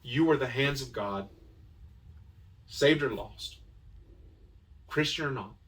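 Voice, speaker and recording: A man's voice: mid-range voice, fairly bright tone, far from the mic. Earnest man speaking from off-mic. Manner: earnest, emotional, halting with fillers. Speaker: host of a toy ministry channel. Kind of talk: casual year-end reflection.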